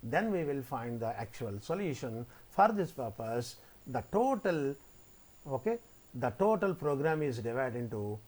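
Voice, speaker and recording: Male tutorial lecturer, very animated intonation, mid-range voice, repeats himself while explaining. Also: medium pitch, a little slow. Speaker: maths lecturer teaching software coding.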